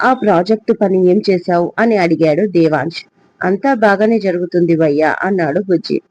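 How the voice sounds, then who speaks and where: A man narrating an audio story in a steady storybook manner. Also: sits high, brisk, rough recording.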